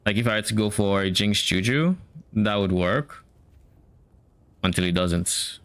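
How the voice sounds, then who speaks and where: A game streamer with a smooth, lowish, slightly bright voice and a blend of Nigerian and Canadian accents talks at a measured pace. On his live stream he chats casually while planning a game build, musing aloud and questioning himself.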